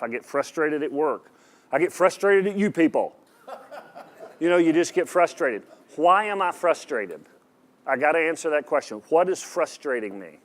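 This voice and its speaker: Guy preaching a sermon, mid pitch, punchy and direct, keeps asking the crowd stuff. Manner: emphatic, asks the audience questions, repeats words. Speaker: pastor.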